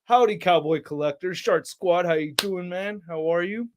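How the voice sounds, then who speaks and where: A young man hosting a casual toy channel livestream, rambling and reading chat names aloud with excitable bursts. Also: high-pitched, normal speed, noisy background. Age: young adult.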